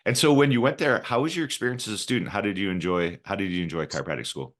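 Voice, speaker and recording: Podcast host, man from Alberta, Canada; very low voice, upbeat, rambling, casual. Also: very fast. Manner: upbeat, rambling, with repeated words. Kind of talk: casual interview chat.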